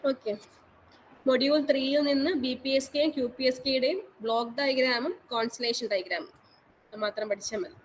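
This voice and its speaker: A woman's voice: high-pitched, brisk, slight background noise, poor audio. A woman college teacher giving an online lecture, repeating each instruction and mixing English technical terms into her speech. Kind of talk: online class lecture on exam syllabus.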